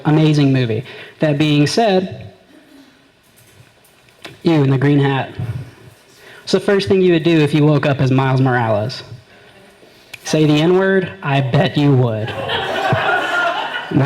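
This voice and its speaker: A young man performs brash, meandering stand-up in a comedy venue, voicing his friends for the audience in the room. His voice is slightly high with a darkish tone, and the rough recording carries a bit of hiss or hum.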